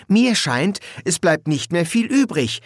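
A man voicing a matter-of-fact boy who speaks in a monotone, in a dry audiobook reading. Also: high-pitched, measured pace, dry recording, pitched above the performer's own voice, full character voice. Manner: monotone, reasoning.

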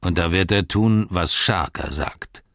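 A brutish, sneering ruffian, as a male narrator puts him on in a storybook reading, bullying and menacing, his words drawn out or spat fast. The voice sits low and the recording is dry and close. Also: a bit bright, dry recording. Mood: threatening. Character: big brutish man ruffian, sneering and threatening.

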